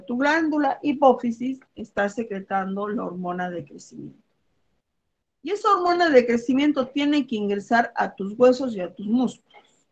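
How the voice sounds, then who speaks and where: Woman, biology teacher, gravelly fry, muffled lo-fi sound; keeps asking "ok?" between points. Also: on the high side. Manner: explains with everyday examples, checks in with "¿ok?" and "¿ya?". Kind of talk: online review lesson.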